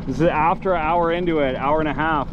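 A man's voice: a little high, quick pace, highs cut off, background noise. A man narrating casually while fighting a fish from a kayak on the water. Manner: excited, chatty. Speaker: fishing vlogger.

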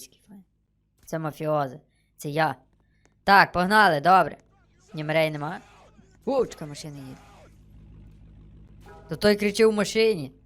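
A man giving excitable, chatty commentary while he plays a video game and thinks aloud. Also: sits high. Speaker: gaming streamer. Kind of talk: casual gameplay commentary.

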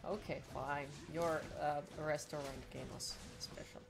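A young Finnish woman with a Finnish accent streams a game, her voice sitting low with a steady tone and measured pace. She chats casually and sarcastically, swearing often, with game music playing behind her.

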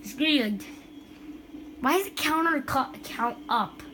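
A woman playing a soccer video game, excitable, chanting sing-song noises and whining playfully at the game. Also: high voice, measured pace, slight background noise. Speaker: gamer. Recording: loud game music behind.

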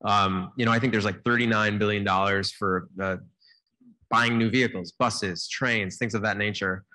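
Holding a handheld mic on a conference stage, a thirtysomething panelist speaks with easy energy and a relaxed manner, peppering his talk with "like." His pitch is on the lower side and he keeps a moderate pace.

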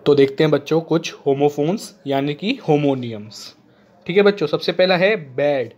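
A male teacher giving a classroom grammar lesson to children, often checking they follow and reading English examples slowly. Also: fairly high pitch, darkish tone. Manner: addresses children, frequent "ठीक है ना" checks, slow spelled-out English examples. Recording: echoey room.

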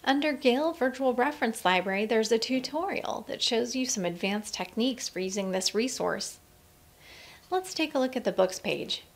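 A woman with a slightly high voice reads a scripted walkthrough of a library website. Her delivery is clear and friendly, like a librarian guiding students step by step. It is a plain voice-over with nothing behind it. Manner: clear, friendly instructional reading. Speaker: librarian giving a website tour. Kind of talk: scripted screencast narration.

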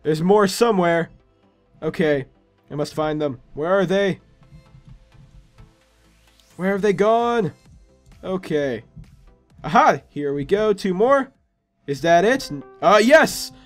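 High-voiced man doing casual gameplay commentary. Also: lively intonation, slow pace, pauses often, soft background music. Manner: exclaims and talks to himself, playfully sarcastic. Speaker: gaming video host.

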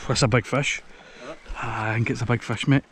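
A young Scottish man giving excited commentary while landing a fish at a lakeside, repeating himself and swearing when thrilled. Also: mid-range voice, moderate pace, background noise. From Scotland. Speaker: angler filming a fishing trip. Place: lakeside outdoors.

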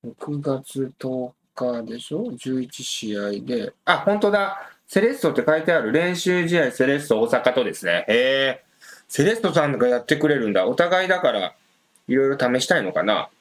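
A man's voice: mid-range voice, animated, brisk. A man hosting a casual live stream, thinking aloud with many fillers and reading out viewer comments. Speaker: livestream host previewing a soccer match.

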